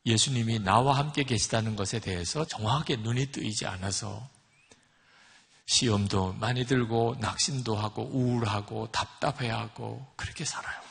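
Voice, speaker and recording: A male pastor preaching a sermon, telling a story with quoted dialogue and emphatic swings in loudness, in a church sanctuary. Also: medium pitch, husky. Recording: long hall reverb.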